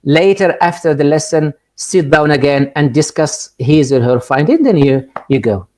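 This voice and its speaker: Over a video call, a middle-aged Moroccan ELT supervisor gives a webinar lecture and Q&A to teachers as a guest speaker, his voice mellow and somewhat dark with a clear Moroccan accent. He's earnest, stumbling and repeating words at a moderate pace, with lively intonation and pitch jumps to stress key ideas.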